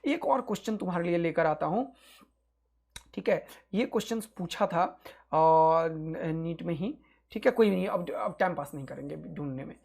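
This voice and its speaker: A male physics teacher giving an exam-prep lecture, energetic and rousing, repeating key points to his students. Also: a little high, moderate pace, vocal fry.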